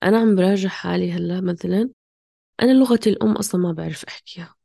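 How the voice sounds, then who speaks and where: A woman's voice: fairly low pitch, very fast, vocal fry, dark tone, dry recording, studio quality. A woman talking casually and passionately, questioning herself in fragmented bursts. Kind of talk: casual, impassioned conversation.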